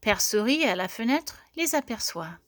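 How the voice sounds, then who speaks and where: A woman reading a children's story aloud in a clear, gentle storytelling manner. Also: a little high, sing-song, moderate pace, no room sound, clean studio sound.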